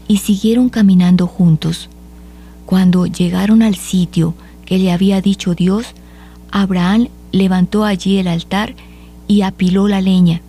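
A woman reading scripture aloud at a measured, solemn pace for a liturgy. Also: mid-range voice, steady tone, mellow, husky. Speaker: liturgical reader.

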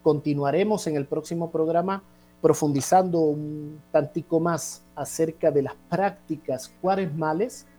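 Priest host, unhurried and mellow, teaches patiently, peppers talk with "eh" and checking questions. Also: male voice, fairly high pitch, steady tone, soft background music. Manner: measured and didactic, with frequent "eh" and tag questions. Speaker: priest hosting a religious radio program. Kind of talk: answering listener questions on faith.

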